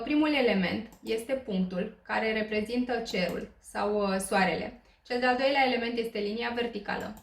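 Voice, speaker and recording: A Romanian woman teaching Korean to beginners explains things patiently, often pausing on small fillers. Her voice sits slightly high, and the recording has a noticeable, roomy echo.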